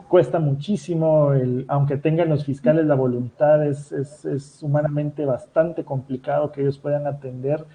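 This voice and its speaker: A man hosting an interview, talking in a measured, analytical way. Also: fairly high pitch, phone-quality sound. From Guatemala. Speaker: host. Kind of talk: interview commentary.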